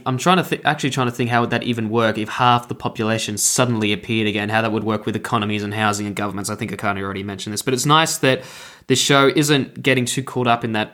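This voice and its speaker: A young man talks through a TV episode in a casual, unscripted way, circling back and correcting himself mid-sentence. His voice sits at an ordinary middle pitch for a man, and his tone is relaxed and conversational. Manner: rambling, self-correcting, chatty. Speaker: TV reviewer. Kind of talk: casual spoken review.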